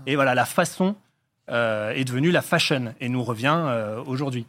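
A man's voice: mid-range voice, normal speed, fairly bright tone. Man, casual explanatory chat, frequent fillers, stop-start delivery. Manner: hesitant, many "euh" fillers and restarts. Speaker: guest linguistics enthusiast.

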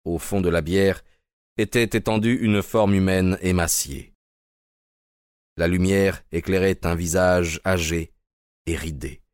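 A man giving steady, measured scripted narration of a dramatic story. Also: low-pitched, clean tone, dry recording, studio quality.

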